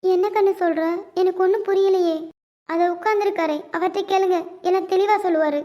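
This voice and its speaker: A woman's voice: very high voice, steady tone, brisk, dark tone. A woman voicing an anxious, loving mother in a cartoon series, pleading in distress. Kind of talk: cartoon web series voice acting. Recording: dull lo-fi recording.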